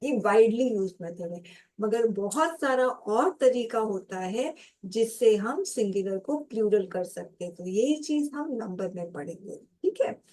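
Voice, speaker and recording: A woman's voice: medium pitch, expressive, a little slow, darkish tone. A woman teaching English grammar in a lesson. She explains step by step, calls her viewers students, and answers her own questions.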